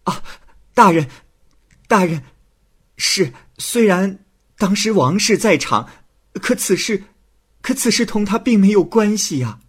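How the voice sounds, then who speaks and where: Guy doing a scared young woman, high pleading voice, kinda husky. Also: expressive, unhurried, long pauses, exaggerated voice. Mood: frightened. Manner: pleading, faltering. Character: frightened young woman, tearful.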